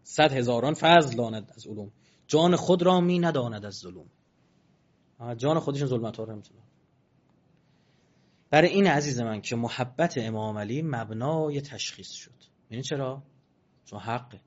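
A preacher with a mid-range voice gives a religious talk, reciting verses slowly and shifting between quiet asides and loud, emphatic passages. The audio sounds dull.

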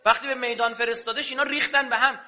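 A man's voice: very high-pitched, fairly even intonation, pushed and bright. A man preaching a sermon with passion, throwing rhetorical questions at his audience. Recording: dull lo-fi recording.

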